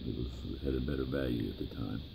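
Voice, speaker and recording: An elderly American man with a gravelly old voice, reminiscing in a plain-spoken, halting way in an interview. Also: rumbling low, noisy background. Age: 70s or older. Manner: plain-spoken, halting, pausing mid-phrase. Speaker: interviewee, grandfather.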